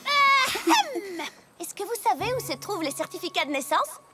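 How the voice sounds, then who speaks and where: A woman voicing an earnest, eager young female pony in an animated cartoon dub, speaking expressively. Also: very high-pitched, moderate pace, loud music behind the voice. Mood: curious.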